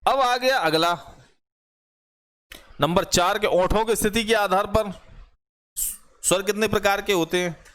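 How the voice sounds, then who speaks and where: Man, high voice, online grammar teacher, step-by-step explainer who repeats examples and quizzes the class. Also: measured pace, long pauses, a bit bright. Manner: explains step by step, repeats examples aloud and asks rhetorical questions.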